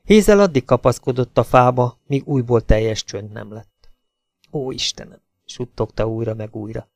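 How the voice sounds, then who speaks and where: A man narrating a thriller novel as an audiobook, in a steady, measured reading. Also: mid-range voice, vocal fry, no echo, studio quality. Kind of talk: scripted narration.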